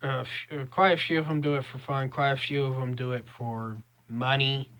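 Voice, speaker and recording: A young man with a Southern US drawl, chatting casually to camera in a halting, rambling vlog style. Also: medium pitch, flat delivery, fairly bright tone, no echo. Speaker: vlogger.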